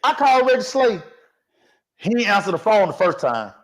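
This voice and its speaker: Animated high-voiced man telling a story. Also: a little fast. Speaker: sports talk show host; former high school football coach. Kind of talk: casual storytelling chat.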